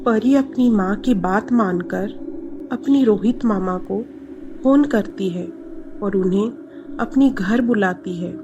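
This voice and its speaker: A woman narrating a dramatic scripted story in a steady telling voice. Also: medium pitch, slow pace, dull audio, background noise.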